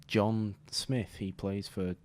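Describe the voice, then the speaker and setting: A British man talking casually as a podcast guest, with a dry, deadpan sense of humor. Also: fairly low pitch, takes it slowly. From Britain. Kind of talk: casual chat.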